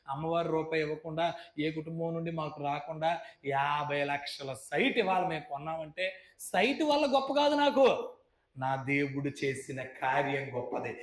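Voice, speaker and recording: A man's voice: a little high, level tone, moderate pace. A man in his thirties, a pastor, giving a fervent testimony sermon to a seated congregation over a stage microphone, calling out praise and addressing his listeners directly. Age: 30s. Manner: fervent, emotional, cries out praise. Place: church hall with a seated congregation. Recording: echoey church hall.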